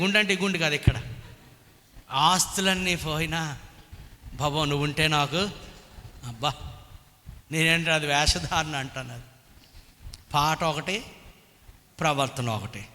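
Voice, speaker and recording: A man with a high, very bright and ringing voice preaches a sermon. He fires rhetorical questions at his congregation and slips into half-sung hymn lines. His voice carries a long church-hall reverb. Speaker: pastor.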